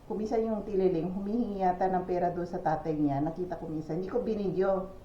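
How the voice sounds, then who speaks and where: A woman's voice: fairly low pitch, fairly even intonation, fast talker, mellow, slight background noise. A Filipina woman vlogging to her viewers in a chatty, gossipy way, telling stories with exclamations and laughs while outdoors. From Philippines. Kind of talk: casual chat to viewers. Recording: echoey, dull lo-fi with faint ambience.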